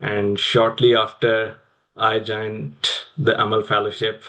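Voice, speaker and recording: A man's voice: lowish voice, level tone, slow pace, a bit bright, highs cut off. A young man with a Pakistani accent, telling his personal story as an interview guest. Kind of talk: personal career storytelling in conversation.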